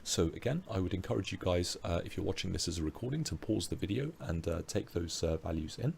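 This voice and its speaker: British male tutor, hoarse, animated delivery, lots of fillers, webinar mic. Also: low-pitched, fast, slight background noise. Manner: explanatory, with frequent fillers and restarts. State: losing his voice. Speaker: biology tutor. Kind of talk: online revision lecture.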